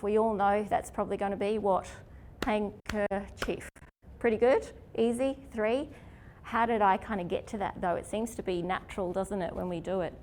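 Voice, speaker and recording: A woman's voice: mid-range voice, slight background noise. A woman leading an informal literacy workshop. She keeps asking her audience questions and checking in with "okay?". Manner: chatty, asks the audience questions; lots of "okay?" and "isn't it?" checks. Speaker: literacy teacher.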